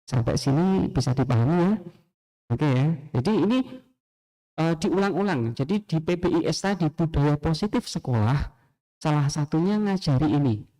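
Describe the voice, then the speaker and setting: A man's voice: on the high side, animated, moderate pace, mellow. A middle-aged man, a school principal giving a casual teacher training and asking his listeners rhetorical questions. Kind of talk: casual spoken lecture.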